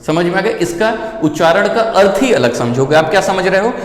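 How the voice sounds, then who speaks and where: A man's voice: high voice, lively intonation, fairly quick. Echoey male teacher, repeating and quizzing. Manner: repeats points, asks students questions. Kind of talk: Hindi grammar lesson. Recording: echoey room with long reverb.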